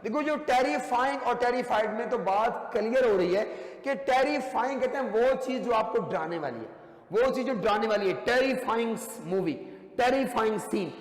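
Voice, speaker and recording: A man, with a very high-pitched voice, lecturing an English grammar class at a whiteboard. He talks emphatically and repeats key words for his students. The sound rings with long reverb in an echoey classroom. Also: expressive, moderate pace. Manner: emphatic, repetitive, addresses students as children. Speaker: English teacher.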